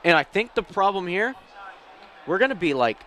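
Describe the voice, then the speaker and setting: A man's voice: sits high, very animated, moderate pace, fairly bright tone. Easygoing jokey color commentator man. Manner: laid-back, jokey, loose analysis. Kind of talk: casual football color commentary. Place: press box above a stadium.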